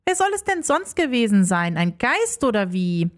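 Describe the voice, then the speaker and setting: Woman playing curious schoolgirl, high bright pitch, questioning, very lively. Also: measured pace. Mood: upset. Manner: excited, questioning. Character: young schoolgirl, curious, easily startled.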